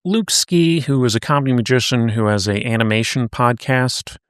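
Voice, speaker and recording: A man's voice: medium pitch, lively intonation, normal speed, fairly bright tone, dry recording, studio quality. A man co-hosting a podcast, recapping and chatting in a conversational storytelling way. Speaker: podcast co-host. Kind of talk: casual podcast chat.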